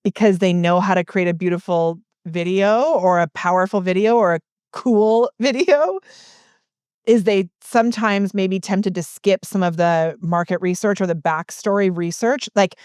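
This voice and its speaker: A middle-aged woman, a guest in a casual interview, telling stories in an animated way and laughing between points. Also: lowish voice, normal speed, clean tone, no echo, studio quality. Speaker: guest, business coach.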